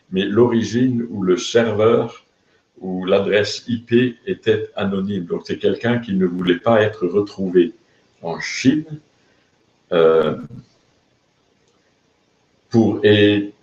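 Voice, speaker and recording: Slow, deep-voiced older Frenchman, hesitant. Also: darkish tone. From France. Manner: hesitant, many fillers and restarts. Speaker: video blog host. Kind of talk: casual storytelling to camera. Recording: roomy, slightly dull sound.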